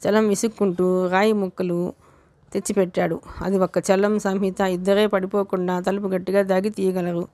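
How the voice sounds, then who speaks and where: An audiobook narrator, a woman, reads from a novel in a steady and measured manner. Her voice sits in the mid range, with no echo.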